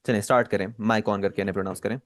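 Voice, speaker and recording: A man teaching an online Japanese class, explaining patiently and repeating words slowly. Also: lowish voice, fairly even intonation.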